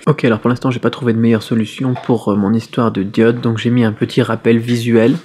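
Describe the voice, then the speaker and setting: A man's voice: medium pitch, little pitch movement, fairly quick, darkish tone, husky. A man from France vlogging casually to camera in his apartment, chatty and full of fillers and self-corrections, recorded on a camera-mounted mic. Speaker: vlogger and Chinese teacher. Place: apartment during a power cut. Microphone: camera-mounted shotgun mic.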